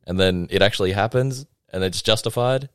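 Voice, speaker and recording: Young male music reviewer with a deep voice; loose, chatty, self-mocking delivery full of fillers. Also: brisk, a bit bright, clear, resonant tone, dry recording, studio quality. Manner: chatty, rambling, self-deprecating, lots of ums and likes. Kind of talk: casual album review monologue.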